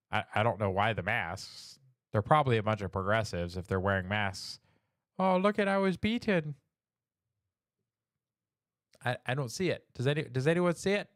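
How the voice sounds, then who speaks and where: A man's voice: medium pitch, no echo, clean studio sound. Sarcastic man hosting a stream. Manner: mocking, sarcastic, talks to chat. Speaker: host of a weekly news stream. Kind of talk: casual livestream commentary.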